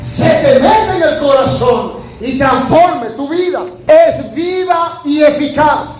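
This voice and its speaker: A male pastor preaching a sermon, rising to shouted emphasis and then dropping low. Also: slow. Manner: preaching with sudden shouted emphasis and sharp drops. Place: church hall. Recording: echoey church hall, faint noise.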